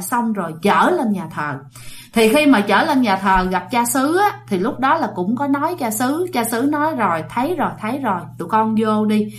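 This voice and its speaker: Chatty woman telling ghost stories. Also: a little high. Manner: chatty, addresses listeners directly. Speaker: storyteller. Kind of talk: casual ghost story narration.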